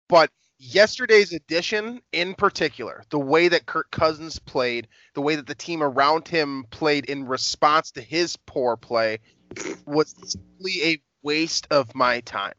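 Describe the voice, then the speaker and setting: A man's voice: a little high, sharp tone, no room sound, lo-fi sound. A young adult man hosting a sports podcast, talking casually and wryly with many fillers and restarts. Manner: wry, rambling, frequent fillers and restarts. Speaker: podcast host.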